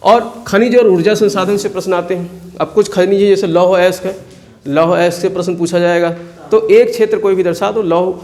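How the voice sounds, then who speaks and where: High-voiced teacher drilling map answers. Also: male voice, fairly even intonation, brisk, darkish tone. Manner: asks questions and answers them himself; repeats key place names for drilling. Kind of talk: map-work exam lesson.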